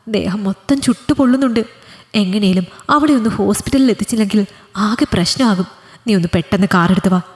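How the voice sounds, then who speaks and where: Woman voicing a worried middle-aged mother, urgent, pleading, storybook reading, medium pitch, echoey hall sound. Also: darkish tone, close to an everyday voice. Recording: long hall reverb.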